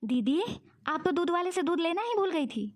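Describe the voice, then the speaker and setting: A woman's voice: extremely high pitch, animated, moderate pace. A woman voicing a scheming younger friend who coaxes and tricks in a cartoon. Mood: teasing. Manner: coaxing, sweetly persuasive. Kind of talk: cartoon voice acting.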